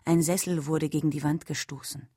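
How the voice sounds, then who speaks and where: A woman reading a literary story aloud, softly and at times almost whispering. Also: low voice, steady tone, breathy edge, no echo, studio quality. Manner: slow, soft, sometimes near a whisper. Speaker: reader.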